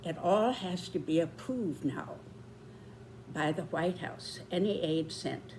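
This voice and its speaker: A woman in her nineties giving reflective spoken commentary, with deliberate, measured phrasing and pauses. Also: fairly low pitch, a little mellow, a little hiss or hum, rough recording. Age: 90s.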